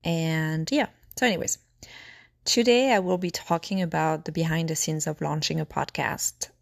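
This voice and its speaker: A woman with a fairly low voice chats through her own podcast on a phone, sounding a little hoarse as she loses her voice. She talks in a reflective, chatty way and ticks off her points one by one. The sound is dry and close, with no room around it. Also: steady tone, moderate pace, dry recording. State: slightly hoarse, losing her voice. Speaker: podcast host. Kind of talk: casual solo podcast chat.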